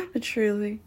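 A woman playing a sadistic, unhinged female killer in an adult audio roleplay, talking in a breathy whisper broken by laughs. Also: medium pitch, a little mellow.

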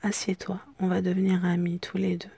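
Woman as a husky soft-spoken cat seeking friends. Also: fairly low pitch, completely flat delivery, fairly quick, no room sound. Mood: friendly, coaxing. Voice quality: husky, cracked. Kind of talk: ASMR role-play.

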